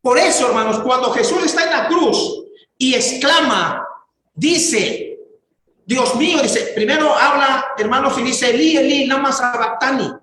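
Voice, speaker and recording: A man preaching a sermon as pastor, fervent, building to raised, drawn-out exclamations. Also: extremely high pitch, pushed and bright, a little hiss or hum. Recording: very echoey church hall.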